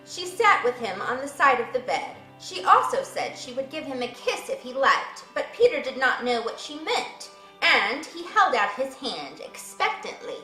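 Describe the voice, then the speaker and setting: Bright, animated young woman reading aloud. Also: high-pitched, moderate pace, faint music behind. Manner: expressive and animated. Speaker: book reader and video host. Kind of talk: reading a book excerpt aloud. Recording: echoey room.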